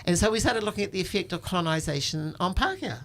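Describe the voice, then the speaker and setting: With a fairly low, expressive voice and a quick pace, an older woman with a New Zealand accent recounts her own stories as an activist guest. Her conversational tone is relaxed and reflective, with frequent uses of "you know."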